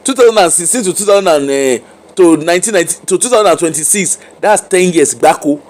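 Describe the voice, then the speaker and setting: High-pitched Nigerian man speaking Pidgin. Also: expressive, fast. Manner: questioning, challenging, with repeated rhetorical questions. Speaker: commentator. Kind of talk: informal opinion commentary.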